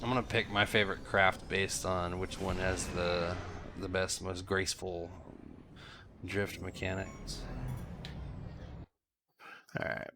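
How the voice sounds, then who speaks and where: A man's voice: low voice, little pitch movement, takes it slowly, creaky, long pauses, noisy background. Stuffy-nosed man musing over gameplay. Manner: musing, thinking aloud while flying. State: stuffed up from a cold. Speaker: gameplay commentator. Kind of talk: casual gameplay commentary.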